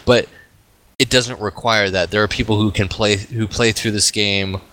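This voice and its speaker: A man with a low yet bright, forward voice talks things through earnestly in a relaxed group chat. His tone stays friendly and explanatory. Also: moderate pace.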